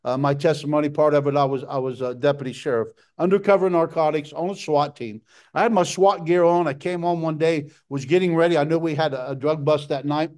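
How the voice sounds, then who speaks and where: A middle-aged man preaching a sermon with passion, his voice jumping up high for emphasis. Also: steady tone, a little fast, a little mellow. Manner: impassioned preaching, jumps to a high pitch for emphasis.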